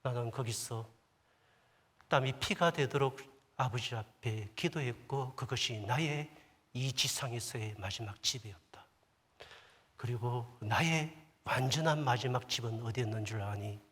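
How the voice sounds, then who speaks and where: A pastor voicing the hushed, gentle inner voice of the Lord. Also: male voice, mid-range voice, measured pace, husky. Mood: tender. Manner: soft, hushed, at times whispered. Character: gentle male voice of the Lord speaking inwardly. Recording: long church hall reverb.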